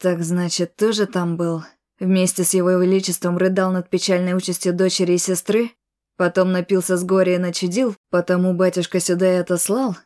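A woman's voice: on the low side, level tone, moderate pace, a little mellow, natural voice. A woman voicing a confident, arrogant young nobleman mage, cool and mocking. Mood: sneering.

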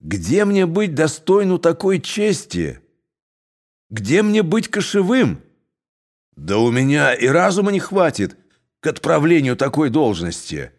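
A man's voice: a little high, very animated, measured pace, pitched above the performer's own voice, exaggerated voice. A man voicing an old, shrewd Cossack who answers in a modest, pleading way. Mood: humble. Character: old shrewd Cossack, mild, falsely humble.

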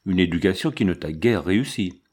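A man's voice: deep voice, animated, brisk, a little mellow, husky. A man reading the part of a stern, aloof army captain in his thirties, in a curt, commanding manner for an audiobook. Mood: probing.

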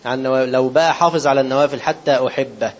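A man with an Egyptian accent giving a sermon in fast colloquial speech, asking rhetorical questions and slowing down to quote scripture. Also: mid-range voice, steady tone. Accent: Egyptian Arabic. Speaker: preacher. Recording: dull lo-fi recording.

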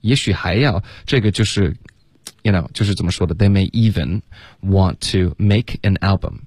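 A man co-hosting a radio English lesson with a low voice. He explains phrases casually, then slows right down to model each word. The studio sound is dry and close. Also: darkish tone, no echo. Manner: slow, careful model pronunciation of English phrases. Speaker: English teacher.

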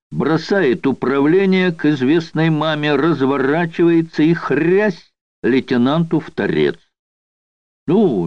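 A male audiobook reader voicing an unhurried, slangy convict storyteller who mocks with coarse barracks slang. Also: mid-range voice, no room sound. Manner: coarse barracks slang, mocking yarn-spinning. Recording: dull dry studio recording.

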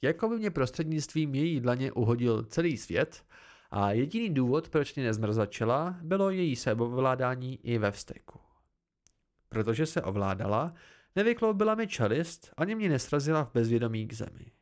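A man's voice: medium pitch, lively intonation, darkish tone. A man reading an amateur audiobook, telling the story expressively in the first person. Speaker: audiobook narrator.

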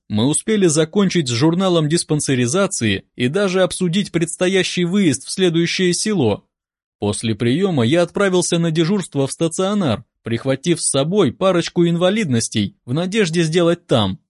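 A man narrating a first-person audiobook with expressive storytelling. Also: on the high side, normal speed, no echo, studio quality.

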